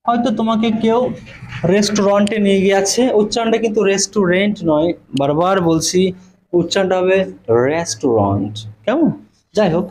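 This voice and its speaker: A man's voice: high-pitched, darkish tone, slight background noise, poor audio. A man teaching a spoken English class to students. He explains step by step, spells words out letter by letter and keeps checking in with "okay?".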